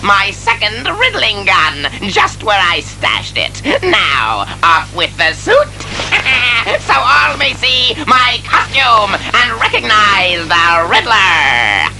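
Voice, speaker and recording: An actor playing a gleeful, boastful costumed riddling villain in an audio drama, gloating theatrically. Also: male voice, high-pitched, huge pitch swings, slow pace, few pauses, exaggerated voice, poor audio. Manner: theatrical gloating, punctuated by laughter. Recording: loud music behind, cassette radio drama.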